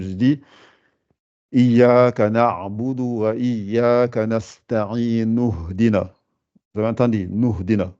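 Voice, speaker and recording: A man's voice: fairly low pitch, warm tone, highs cut off. A man teaching a lesson, explaining patiently with many fillers and restarts. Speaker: Quran recitation teacher.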